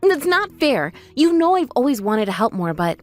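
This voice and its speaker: An actress playing a hurt, loyal young sister in a family drama, speaking in an earnest, emphatic way. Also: female voice, a little high, big pitch swings, moderate pace, a little mellow, soft background music. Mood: wounded, pleading. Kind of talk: dramatized family-conflict story dialogue.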